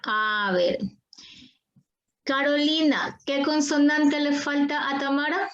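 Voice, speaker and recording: A woman's voice: sits high, takes it slowly, fairly bright tone, muffled recording. A woman teaching an online class, patient and coaxing, repeating her questions to the students over a video call.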